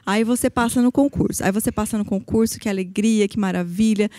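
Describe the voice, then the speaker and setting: The speaker, a federal public defender from Paraná in Brazil, is a podcast guest explaining her work sincerely, often stumbling into hesitations. Her medium-pitched voice is dark and a little fast, captured without echo.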